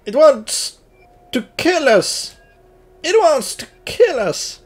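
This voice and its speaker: A woman streaming a card game, her pitch swinging widely as she argues with it in exasperation. She talks slowly and drawn-out, with faint game music underneath. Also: big pitch swings. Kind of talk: live gameplay commentary.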